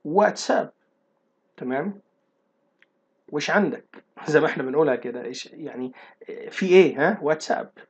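A young man with an Egyptian Arabic accent, teaching an online lesson and slowly repeating phrases to explain them. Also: fairly high pitch, slightly rough. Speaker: English teacher. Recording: dull lo-fi recording.

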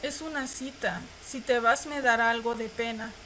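A woman's voice: a little high, fairly even intonation, normal speed, sharp tone, slight background noise, poor audio. A woman reads a romance visual novel aloud and reacts with squeals and laughs. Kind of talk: reading game text aloud with live reactions.

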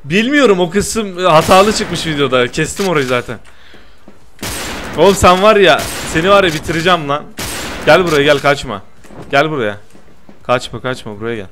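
A young man doing lively gameplay commentary, teasing his friend and protesting loudly to his viewers. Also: fairly high pitch, normal speed, pauses often, background noise. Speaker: gaming YouTuber.

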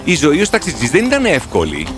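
Playing an earnest horse who tells a sad, reflective story, a man narrates a storybook cartoon in a fairly high voice with huge swings in pitch. Music plays in the background.

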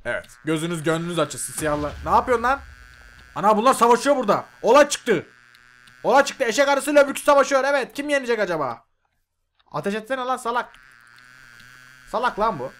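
A young man giving loud, excitable gameplay commentary, swearing and yelling at the mobs on screen. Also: high-pitched, fast, long pauses. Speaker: gaming YouTuber. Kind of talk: Minecraft mod review commentary.

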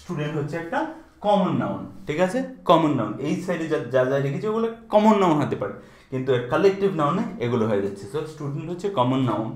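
A man's voice: fairly high pitch, sing-song, fast. Man teaching grammar, echoey room. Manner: explains patiently, checks in with repeated questions. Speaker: English teacher. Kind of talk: classroom grammar lesson.

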